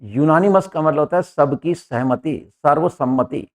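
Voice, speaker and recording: A man with a slightly high voice and an unhurried delivery teaches English grammar, breaking the explanation into steps and restating each one. He speaks to viewers as friends and points to words on a board as he goes.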